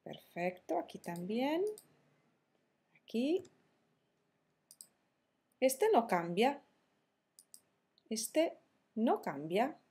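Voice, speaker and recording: A woman teaching verb conjugations in a slow, careful tutorial, spelling out each form deliberately. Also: a little high, sing-song, mellow, husky. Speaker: Spanish teacher.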